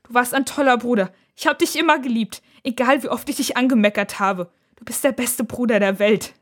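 A woman voicing a young girl, anxious and fiery, with a high girlish tone and sharp, urgent outbursts. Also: animated, fairly quick, husky.

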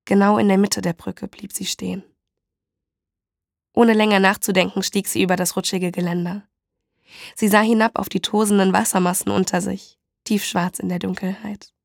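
A woman reading a story aloud in a steady, measured way. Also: mid-range voice, gravelly, no echo, clean studio sound. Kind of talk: storybook narration.

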